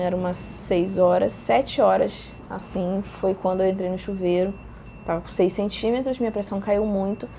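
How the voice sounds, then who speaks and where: A young Brazilian woman casually telling a personal story, acting out her own shouted lines with laughter. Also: medium pitch, slight background noise. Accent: Brazilian Portuguese. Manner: animated, acts out quoted shouts with laughter.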